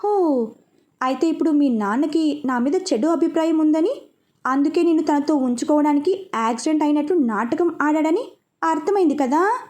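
A woman voicing a hot-tempered, possessive young man in love, who talks in sharp, scolding questions. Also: high voice, expressive, moderate pace. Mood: heated.

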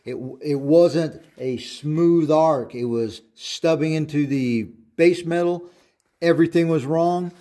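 A man in his thirties giving a step-by-step welding tutorial in a home auto shop, speaking in a slow, deliberate, instructive way. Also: on the high side, dark tone.

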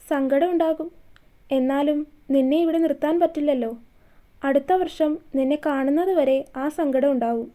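A woman's voice: sits high, moderate pace, warm tone, natural voice. A woman voicing a playful, affectionate young husband who likes to tease. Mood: tender. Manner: playful teasing.

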